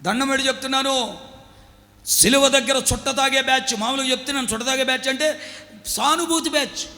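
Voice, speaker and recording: Male pastor, high and insistent, call-and-response sermon, live church reverb. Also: fairly quick, sharp tone. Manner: emphatic preaching with call-and-response to the congregation. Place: church hall. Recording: long hall reverb.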